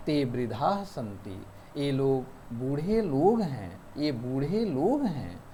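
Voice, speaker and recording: A man teaching a school Sanskrit lesson, reading out words and their meanings, spelling syllables slowly. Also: mid-range voice, big pitch swings, dark tone, slight background noise. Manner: slow, spelling out syllables one by one. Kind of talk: explaining a textbook lesson.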